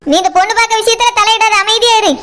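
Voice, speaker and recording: A woman's voice: very high voice, steady tone, fast talker, bright, forceful tone. A woman voicing a stubborn village mother with a Tirunelveli Tamil accent, in a cartoon. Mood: insistent.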